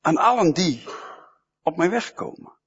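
A man's voice: fairly high pitch, sing-song, unhurried, husky. A man preaching a sermon, emphatic and fond of repeating short phrases, in a church hall, with a dull, echoey sound.

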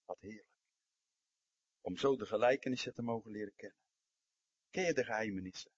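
A man preaching a sermon and telling stories, dropping to a hush and then rising to emphatic outbursts. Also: fairly low pitch, fairly quick, breathy edge, no room sound, lo-fi sound. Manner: storytelling, swings from hushed to emphatic.

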